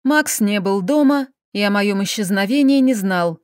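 A woman reading a first-person story aloud as an audiobook, steady and measured. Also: medium pitch, smooth, no room sound, clean studio sound. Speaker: audiobook narrator.

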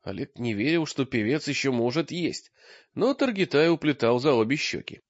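A man reading an audiobook in expressive scripted narration, recorded with a dull lo-fi sound. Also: mid-range voice, moderate pace, dry recording. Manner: lively, expressive storytelling.

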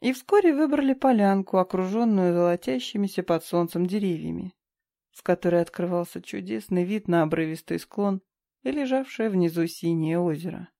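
Woman audiobook narrator, calm storytelling, low voice, mellow tone. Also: moderate pace, vocal fry. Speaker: audiobook reader. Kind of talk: scripted narration.

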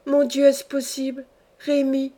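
A woman's voice: high-pitched, completely flat delivery, unhurried, pitched above the performer's own voice. Woman voicing an emotional old peasant foster mother. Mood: overwhelmed. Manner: warm, exclamatory, easily moved. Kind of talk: audiobook character reading.

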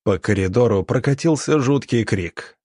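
A man reading a story aloud in scripted audiobook narration, steady and even. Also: mid-range voice, moderate pace, no room sound.

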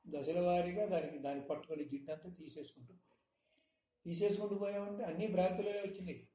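A man giving a spiritual discourse, teaching with frequent rhetorical questions in a measured, emphatic manner. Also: sits high, dark tone. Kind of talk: satsang discourse. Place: hall in Hyderabad. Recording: echoey room, faint noise.

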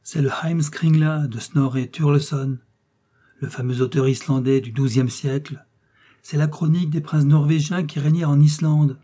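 A hot-tempered old professor lectures and scolds in a booming, scornful voice, as a man puts him on in an audiobook reading. The tone is dark and husky, mid-pitched. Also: steady tone, moderate pace, close to an everyday voice. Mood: lecturing. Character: irascible, excitable old male professor.

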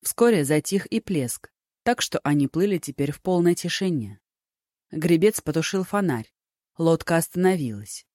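An audiobook narrator reading a story with a steady, even delivery. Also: mid-range voice, moderate pace, no room sound, clean studio sound. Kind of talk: scripted narration.

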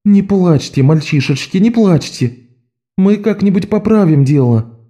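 A man voicing a loud, bossy old woman shopkeeper who scolds and comforts in a storybook. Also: animated, a little slow. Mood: alarmed. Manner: bossy and booming.

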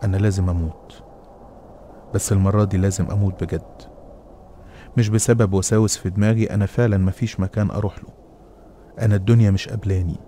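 A man's voice: fairly low pitch, fairly even intonation, fast talker, pauses often, warm tone, a little hiss or hum. A man with an Egyptian accent narrating a first-person horror story in a dramatic, confessional way.

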